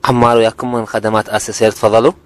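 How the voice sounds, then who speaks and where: A man's voice: fairly low pitch, level tone, rapid-fire, heavy background noise. A man with an Iraqi accent working as a phone customer service agent, polite, patient and a little hesitant. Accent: Iraqi Arabic.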